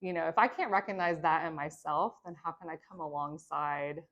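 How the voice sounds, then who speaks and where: A woman's voice: low-pitched, fairly quick, fairly bright tone, muffled recording. Conversational woman teaching a church class. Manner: conversational, many fillers and tag questions; reflective, speaks from own experience. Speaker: teacher of a church training course. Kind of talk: teaching a lesson.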